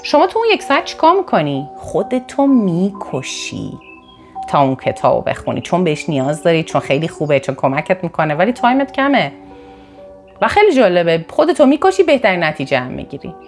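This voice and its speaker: Animated woman giving a motivational talk. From northern Iran. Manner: animated, with sudden emphatic rises in pitch; repeats and corrects herself mid-sentence. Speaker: motivational speaker. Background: faint background music.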